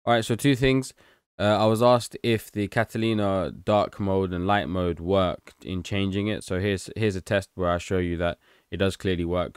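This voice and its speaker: A man's voice: low voice, clear, resonant tone, no echo, clean studio sound. A man narrating a home computer repair casually, rambling and thinking aloud with self-deprecating remarks. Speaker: DIY tech vlogger.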